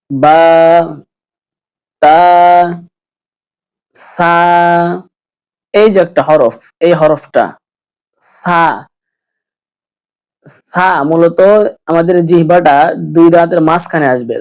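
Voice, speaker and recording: A man teaching letter pronunciation in a lesson, speaking deliberately and repeating each sound to demonstrate it. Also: high voice, vocal fry, darkish tone.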